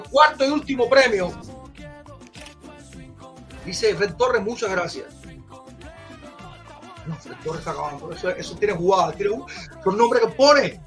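A male podcast host with an unusually high, bright voice. He talks in an excitable, casual way, exclaims a lot and says the same phrase two or three times in a row. Faint music plays behind him. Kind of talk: casual live-stream chat.

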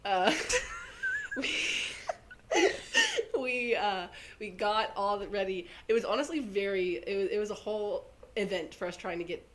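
Female podcast co-host, hoarse and congested, giggly rambling banter, slightly noisy home recording. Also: medium pitch, huge pitch swings, a little slow, fairly bright tone. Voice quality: hoarse, congested smoker-like rasp. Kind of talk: casual chatty banter.

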